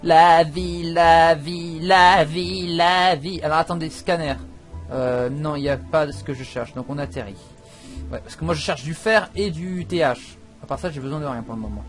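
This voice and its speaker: Man, fairly high voice, excitable gameplay commentary, swears, faint music underneath. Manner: excitable, swears, loud outbursts. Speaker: let's play gamer.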